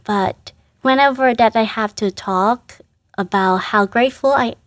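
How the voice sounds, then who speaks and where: A woman from Vietnam, a Vietnamese native speaker with a Vietnamese accent, speaks as a religious sister in an interview, gently and earnestly, with frequent restarts and soft laughs. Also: on the high side, a little slow, dry recording. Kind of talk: emotional personal reflection.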